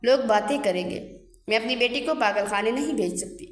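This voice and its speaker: A woman's voice: on the high side, soft background music, close to an everyday voice. A woman voicing a worried older mother who speaks in a sorrowful, pleading way, in an echoey room. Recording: echoey room with long reverb.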